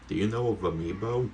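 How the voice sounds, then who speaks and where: A man's voice: on the low side, mellow, slight background noise. A man giving casual, chatty, rambling gameplay commentary as a streamer talking to his viewers. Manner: casually sweary. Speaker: video game streamer.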